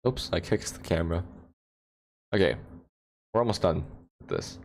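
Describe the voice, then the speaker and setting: Low-voiced man rambling on a livestream. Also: moderate pace, creaky, a little mellow. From United States. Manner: rambling, laughs often, answers chat questions. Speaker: livestream host. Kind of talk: casual livestream chat. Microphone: phone.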